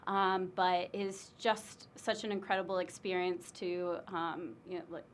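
A woman's voice: fairly low pitch, level tone, unhurried, a little hiss or hum. A woman from Illinois who works as an international admissions recruiter. She talks in a casual interview, with plenty of ums and you knows. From Illinois, United States. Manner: chatty, many fillers like um and you know.

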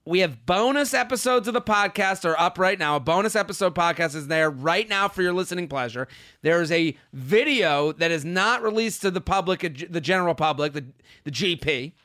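Bright, high-pitched man hosting a comedy podcast. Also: lively intonation, a little fast. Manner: exuberant, repetitive, self-hyping. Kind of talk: high-energy podcast intro, casual plug to listeners.

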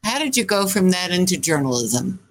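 A woman's voice: lowish voice, sing-song, a little fast. A woman reporter hosting an interview, asking brief friendly questions. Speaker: host and reporter.

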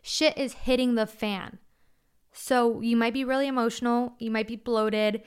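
A woman's voice: fairly high pitch, steady tone, moderate pace, smooth. Frank, casual woman podcast host. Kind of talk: solo podcast monologue.

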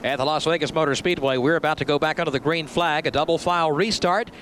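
A man's voice: a little high, quick pace, a bit bright. A man calling a stock car race live as a motorsport commentator. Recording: clear vehicle noise. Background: race cars outdoors.

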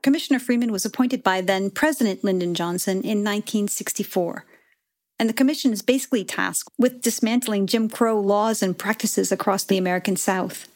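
Measured woman podcast narrator. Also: mid-range voice. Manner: measured, clear storytelling. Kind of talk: scripted narration.

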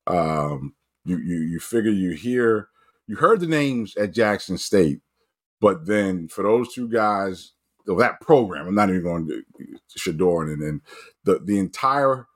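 A man, a coach, talking casually about college football, his voice jumping up when excited and often restarting his sentences. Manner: animated, pitch jumps up when excited, frequent restarts. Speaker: coach and guest analyst. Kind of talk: casual sports talk.

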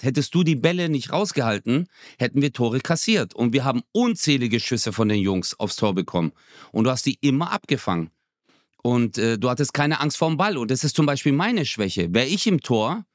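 A man's voice: mid-range voice, dry recording. A man in his thirties chats on a podcast in an easy, slangy way. He slips into little acted-out quotes as he tells his stories. His voice sits in a middle register and sounds dry and close to the mic. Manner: loose, slangy storytelling, acts out quotes. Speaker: podcast co-host. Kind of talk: casual chat.

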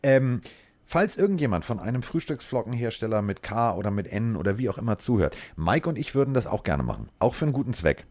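A man co-hosting a podcast, chatting casually and telling rambling stories, excitable and quick to swear. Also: fairly low pitch, dry recording. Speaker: podcast co-host. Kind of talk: casual chat.

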